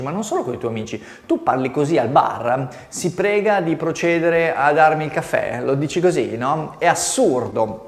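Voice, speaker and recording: A man explaining marketing communication in a conversational video lesson, often turning to the viewer with rhetorical questions. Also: medium pitch. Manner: conversational, addresses the viewer directly with frequent rhetorical "no?". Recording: roomy echo with long reverb.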